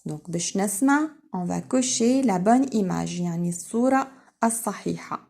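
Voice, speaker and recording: Gravelly Tunisian teacher, slow and emphatic. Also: female voice, mid-range voice, expressive. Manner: switches between slow, emphatic French words and quick Arabic explanations; spells out syllables slowly and loudly. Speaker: primary school teacher. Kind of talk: French lesson for young children.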